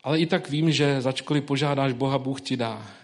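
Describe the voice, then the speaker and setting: Man reading scripture and preaching. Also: mid-range voice. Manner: reads scripture slowly, then preaches informally with colloquial fillers.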